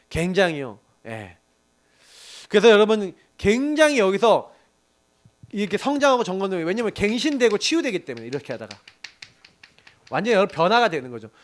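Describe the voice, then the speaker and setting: Lively high-voiced pastor telling stories. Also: male voice. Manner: animated storytelling with laughs and acted quotes. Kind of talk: sermon to a young adults group.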